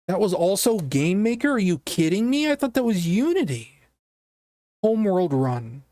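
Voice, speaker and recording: A streamer with a naturally scratchy voice giving casual gameplay commentary, chatty and quick to react aloud. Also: medium pitch, big pitch swings, dark tone, no echo.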